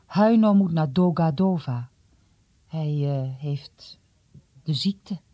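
A gentle teenage boy speaks softly and hesitantly, voiced by a male reader. His voice is a bit higher than the narration and mellow. It is a dry, close recording. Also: slow pace, no room sound. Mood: sad. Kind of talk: audiobook reading.

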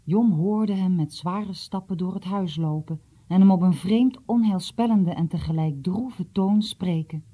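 A woman narrates a children's storybook with a calm, measured reading. Her voice is dark, warm and a little husky. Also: lowish voice. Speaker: audiobook reader.

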